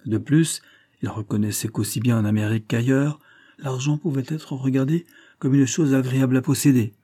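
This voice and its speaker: A man narrating a classic children's novel in a measured, scripted audiobook reading. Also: mid-range voice, fairly even intonation, warm tone.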